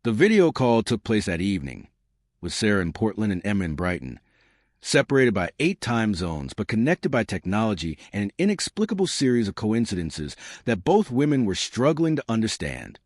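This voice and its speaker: A man giving measured scripted narration of a true story. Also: fairly low pitch, very animated, no echo, studio quality.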